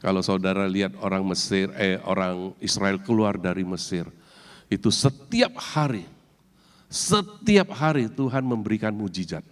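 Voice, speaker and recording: Lively male church elder preaching. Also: low voice, a little slow. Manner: animated, mixes in English words, addresses congregation directly. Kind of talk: sermon. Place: church hall. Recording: long church-hall reverb.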